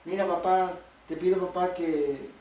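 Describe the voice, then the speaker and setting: A young son keeps begging his father, saying the same plea again and again, as a preacher plays him. The voice sits high. It echoes around a room, picked up from a distance. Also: fairly even intonation, measured pace, dark tone. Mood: pleading. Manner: whiny, repetitive begging. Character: young son pleading repetitively with his dad.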